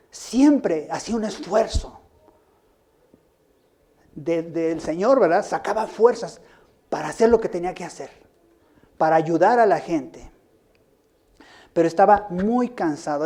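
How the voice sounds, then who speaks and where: A man's voice: sits high, warm tone. A male pastor gives a sermon. He asks rhetorical questions and rises into emphatic bursts.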